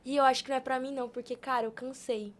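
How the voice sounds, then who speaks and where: A young adult woman speaks very fast in a high voice with flat delivery. As a podcast guest in casual conversation, she talks earnestly and colloquially. She repeats phrases for emphasis in a motivational way.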